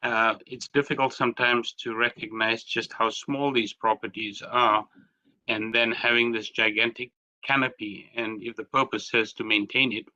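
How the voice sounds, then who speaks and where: A man's voice: on the low side, bright, forceful tone, lo-fi sound. A Canadian man on a planning committee speaking hesitantly, with many fillers. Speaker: committee member. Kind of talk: formal hearing remarks.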